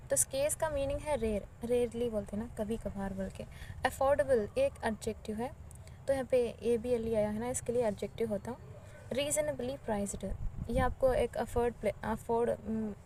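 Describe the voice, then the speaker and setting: Woman teacher going over vocab, high but mellow voice, faint hiss behind. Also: low-quality recording. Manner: explains in Hindi mixed with English, reads English lines slowly. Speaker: English teacher. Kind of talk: textbook grammar lesson.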